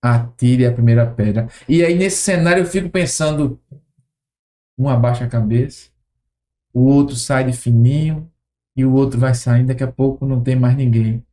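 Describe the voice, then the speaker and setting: A man's voice: mid-range voice, moderate pace, warm tone. A man with a Brazilian accent, hosting a podcast, thoughtfully retelling a scene as he imagines it aloud. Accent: Brazilian Portuguese. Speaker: podcast host. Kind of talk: reflective conversational storytelling.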